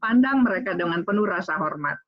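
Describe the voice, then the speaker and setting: A woman's voice: on the low side, expressive, fast. A middle-aged woman giving an online lecture on public speaking, talking straight to her listeners, with many fillers and restarts. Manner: many fillers and restarts, addresses audience directly. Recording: slightly dull lo-fi audio.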